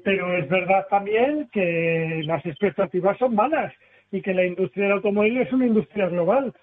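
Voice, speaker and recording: A man commenting on a radio panel, speaking frankly and bluntly. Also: high-pitched. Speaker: automotive sector commentator. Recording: tinny phone-like radio line.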